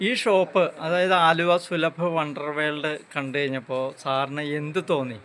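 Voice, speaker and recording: A man interviews new members inside a large indoor showroom, asking leading questions and prompting each guest to speak up. His voice sits a bit high. A faint hum runs under the recording. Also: flat delivery, normal speed, fairly bright tone. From Kerala. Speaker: interviewer at a store visit. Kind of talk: casual promotional interview.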